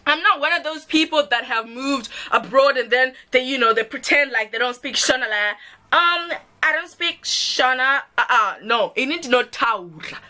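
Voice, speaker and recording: In a get-to-know-me vlog, a young Zimbabwean YouTuber talks to her audience playfully and laughs frequently. Her Zimbabwean-accented voice is high, bright and pushed, at a moderate pace.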